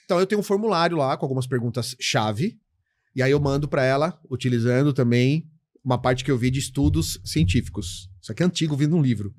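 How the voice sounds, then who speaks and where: Animated middle-aged man, dry sound. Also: medium pitch, fast, no room sound. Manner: animated storytelling, acts out client dialogues, says "cara" often. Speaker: guest, insurance educator. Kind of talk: casual podcast interview.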